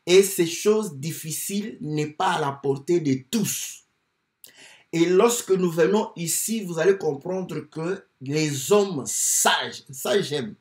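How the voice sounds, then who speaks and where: A man preaching a sermon, teaching slowly with many fillers and repeated words. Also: on the high side. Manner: slow, lively teaching with many fillers and repetitions. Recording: echoey room.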